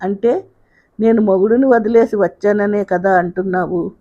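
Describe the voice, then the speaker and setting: A woman voicing a demanding young sister-in-law who complains loudly in a storybook reading. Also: mid-range voice, fairly even intonation, normal speed, natural voice. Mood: complaining. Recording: dull lo-fi sound.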